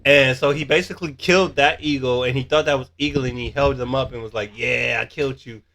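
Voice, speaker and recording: A man's voice: medium pitch, fast, a bit bright. A man recapping a TV episode in casual chat, rambling and leaning on filler words. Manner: rambling, full of "basically", searches for words. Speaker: co-host of a show review.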